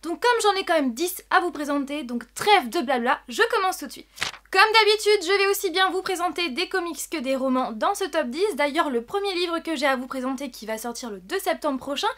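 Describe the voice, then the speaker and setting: A woman's voice: high voice, lively intonation, brisk, fairly bright tone. A woman presenting upcoming books in a casual vlog, enthusiastic and often repeating words for emphasis. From France. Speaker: book vlogger. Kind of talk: casual book review vlog.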